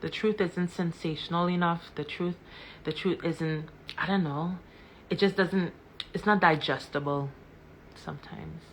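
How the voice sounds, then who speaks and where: A woman's voice: fairly low pitch, fairly even intonation, measured pace, slight background noise. A woman giving impassioned commentary on a live stream, repeating words and questions for emphasis.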